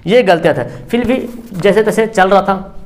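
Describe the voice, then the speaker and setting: A man with a high-pitched voice lectures a class on a story. He tells it in a lively way, acting out the characters' lines and checking in with the class over and over. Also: moderate pace. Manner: repeats filler tag "theek hai na". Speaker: teacher.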